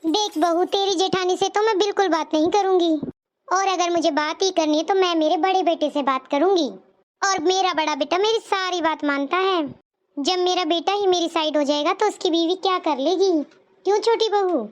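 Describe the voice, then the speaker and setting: A scheming old mother-in-law from a cartoon story, voiced by a woman, sweet-talking with a sugary, wheedling manner. The voice sits very high. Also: normal speed. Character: scheming elderly mother-in-law who plays favourites.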